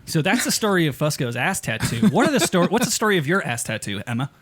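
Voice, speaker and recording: A man's voice: on the high side, very animated, fast, fairly bright tone. A man co-hosting a podcast, joking crudely and laughing often in casual chat. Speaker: podcast co-host.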